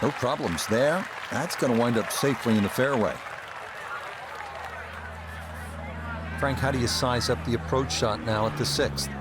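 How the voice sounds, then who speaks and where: A man working as a composed golf commentator, calling play in short, measured observations for a video game broadcast. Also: medium pitch, very noisy, lightly acted. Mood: conversational. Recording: music and crowd behind. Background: music, crowd.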